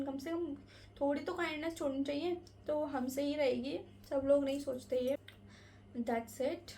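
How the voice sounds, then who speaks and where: A woman's voice: high-pitched, warm tone, a little hiss or hum. A young woman vlogger answering viewer questions in a casual Q&A vlog, earnest and advice-giving, slipping English words into her talk. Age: young adult.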